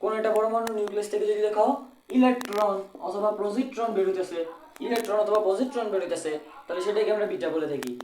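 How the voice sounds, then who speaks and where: A man's voice: high-pitched, quick pace, darkish tone. A male tutor with a colloquial Bangladeshi Bengali accent races through an exam-prep physics lesson, repeating each point and firing questions he answers himself. His voice sits in the middle range and rings in an echoey room. A faint hiss runs behind him. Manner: repeats phrases, asks and answers own questions.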